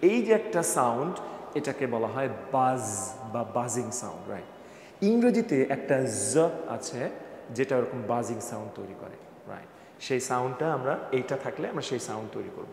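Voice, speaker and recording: A man's voice: mid-range voice, very animated, moderate pace, darkish tone. A male teacher giving a classroom lesson on English pronunciation, playful and jokey, quizzing his students by name. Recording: echoey room with long reverb, faint background noise.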